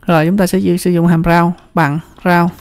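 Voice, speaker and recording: Spreadsheet tutor with a Southern Vietnamese accent: gravelly, chatty, keeps checking the viewer follows, recorded dry and close. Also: medium pitch, level tone, normal speed, a little mellow, no echo. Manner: chatty, repeats words, often checks in with the viewer. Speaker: computer skills instructor.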